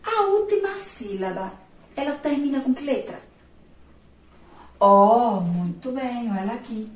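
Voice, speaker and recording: A woman teacher from Sergipe in Brazil with a Sergipe accent, giving a remote literacy lesson to young children, slow and patient, praising answers and drawing out syllables. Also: on the high side, animated. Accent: Sergipe Brazilian Portuguese. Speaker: primary school teacher. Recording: echoey room, voice from a distance.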